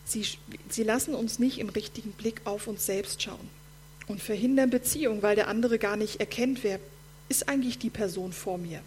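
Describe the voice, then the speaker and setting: A woman preaching a sermon in German, speaking directly and warmly to her listeners as friends. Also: mid-range voice, a little hiss or hum.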